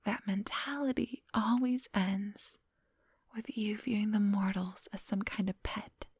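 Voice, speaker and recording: A woman plays a coolly hypnotic, controlling female vampire in an ASMR roleplay, whispering breathily right at the microphone. She is condescending, coaxing and commanding, with a scornful, probing mood. Her medium-pitched voice is slightly rough, with fairly even intonation and a measured pace, and the close, dry mic captures no room sound.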